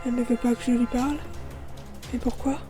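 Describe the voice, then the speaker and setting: A woman narrating a first-person audio fiction in a soft, melancholic way. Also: on the high side, steady tone, a little fast, music in the background.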